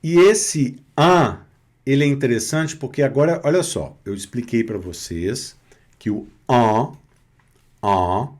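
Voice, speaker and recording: A Brazilian man teaching French pronunciation, slowly repeating each word and checking in with short tag questions. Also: medium pitch, a little mellow. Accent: Brazilian Portuguese. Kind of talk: pronunciation lesson over slides.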